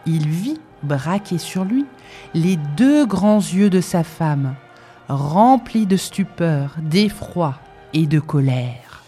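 A woman narrating a story in an expressive, dramatic storybook reading. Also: low-pitched.

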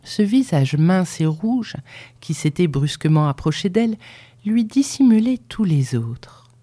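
A woman narrating a novel at a slow, deliberate pace. Her lowish voice rises and falls a great deal as she carries the scenes. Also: no room sound. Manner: unhurried, expressive storytelling. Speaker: audiobook reader. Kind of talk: expressive novel reading.

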